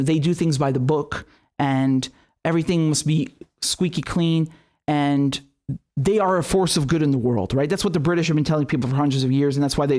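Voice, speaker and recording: Hosting a live political commentary stream, the young Syrian speaker launches into passionate rants and swears between fast asides. His pitch is fairly high, though his tone leans darkish.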